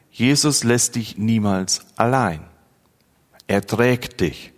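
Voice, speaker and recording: A man preaching a sermon in a slow, earnest, pastoral manner, rising in emphasis at key phrases. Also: fairly low pitch. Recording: long church reverb.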